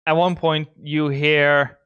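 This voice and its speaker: Male GM, casual tabletop narration, clear tone with a dry close sound. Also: a little high, slow, no room sound, lo-fi sound. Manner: relaxed, laughing often, filler-heavy narration. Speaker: game master. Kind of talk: running a tabletop game session.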